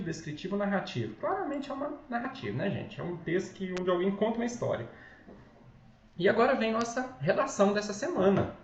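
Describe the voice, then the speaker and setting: A man with a Brazilian accent, a school Portuguese teacher recording a lesson at home, talking patiently, often checking in and correcting himself. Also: high-pitched. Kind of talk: recorded online lesson walkthrough. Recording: echoey, slightly dull home recording with faint noise.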